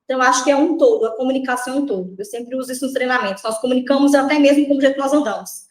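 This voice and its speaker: A woman from Brazil speaking as a guest trainer, quick and a little high-pitched. She builds her points in short stacked phrases, tagging many with "né", and the room around her rings with echo. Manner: measured, list-like explanations, frequent "né". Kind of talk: interview answers.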